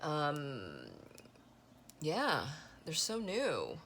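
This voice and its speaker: A woman giving a casual spoken tarot reading, rambling with many fillers and a voice that is going hoarse. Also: deep voice, huge pitch swings, very slow, fairly bright tone, a little hiss or hum. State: losing her voice. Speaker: tarot reader.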